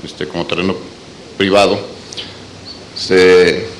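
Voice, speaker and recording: A man's voice: deep voice, level tone, slow, low-quality recording. A man with a Mexican accent, an architect in the audience, politely explaining a point during a conference question session. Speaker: architect, audience member commenting. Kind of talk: spoken comment in a question session. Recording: background noise and room ambience.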